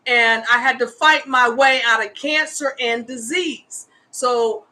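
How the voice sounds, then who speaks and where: A woman in her fifties hosts a laid-back livestream as an advocate for homeless women, speaking with earnest, fervent conviction. Her voice is on the high side, steady and slow, with a sharp tone.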